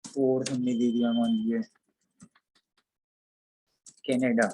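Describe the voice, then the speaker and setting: A man's voice: mid-range voice, flat delivery, slow pace, dark tone, slight background noise, poor audio. A man teaching an online programming class, explaining code step by step as he types. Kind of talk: online coding lecture.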